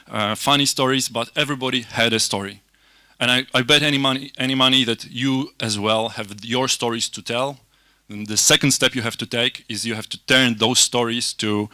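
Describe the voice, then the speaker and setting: Bright-voiced man giving a halting conference talk. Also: mid-range voice, dry recording. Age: 30s. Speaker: conference speaker. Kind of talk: informal motivational conference lightning talk. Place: auditorium stage in front of a screen. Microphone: handheld microphone held close to the mouth.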